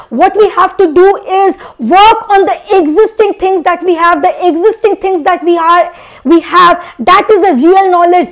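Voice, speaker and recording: A young woman from India giving an earnest, emphatic spiritual motivational talk, preachy and repeating phrases to drive points home. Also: extremely high pitch. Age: young adult. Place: small indoor room, seated at a desk.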